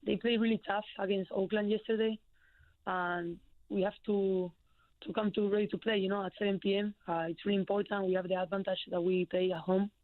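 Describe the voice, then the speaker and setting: On a tinny phone line, a young Spanish-accented woman from Spain gives a phone-in radio interview as a college basketball player. She talks a little fast in a flat, medium-pitched voice, no room sound, hesitating often and filling gaps with fillers.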